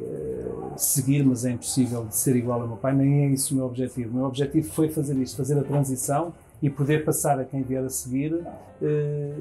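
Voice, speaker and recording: Heard through a low-quality recording, a warm, mid-range voice belongs to a restaurant manager in his fifties with a European Portuguese accent. He answers interview questions at length indoors in the dining room, gesturing as he speaks and restarting phrases often.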